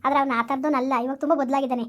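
A woman's voice: high-pitched, steady tone, very fast, fairly bright tone. A young woman, acting in a village skit, earnestly explaining and pleading with elders.

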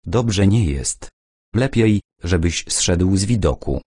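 Man voicing a blunt gruff major, deep, dark, husky. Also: lively intonation, takes it slowly, no room sound, studio quality, full character voice. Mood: grave. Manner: blunt, gruff, mixes in Russian words. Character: weary older male army major, blunt drinker.

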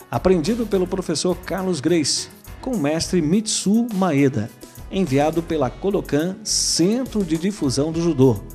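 A man from Brazil giving a measured, formal scripted narration for a sports report. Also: fairly high pitch, darkish tone.

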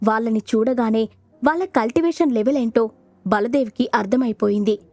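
A woman's voice: fairly high pitch, brisk, no echo. Woman narrating an audio story. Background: soft background music.

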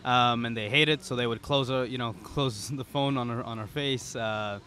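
At a moderate pace, a young startup founder explains his work in a pushed, bright, medium-pitched voice with fairly even intonation. The conversational interview takes place at an outdoor conference pop-up podcast booth, and a boom-arm podcast microphone picks up faint outdoor event noise behind him.

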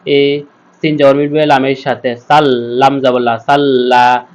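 A man teaching Quran reading in a step-by-step lesson, spelling out each letter and then slowly chanting the joined words. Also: medium pitch, flat delivery.

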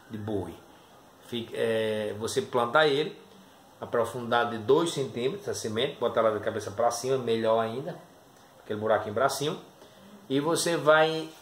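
A middle-aged man, an herbal tea seller, talks informally to camera to present and sell his product with testimonials. His mid-range voice is a bit bright, and the small, dim indoor room gives a roomy echo with faint background noise.

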